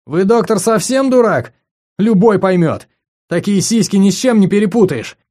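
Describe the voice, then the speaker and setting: A male audiobook reader voicing a frantic, deranged young male student who rants in a rushed, excitable way. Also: a little high, pitched above the performer's own voice. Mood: brash.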